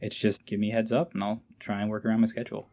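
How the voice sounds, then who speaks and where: A podcast guest who does amateur voice acting chats in a casual interview, sounding informal, a bit hesitant, and enthusiastic. His voice is fairly low and warm, with a level tone, and he races through his words.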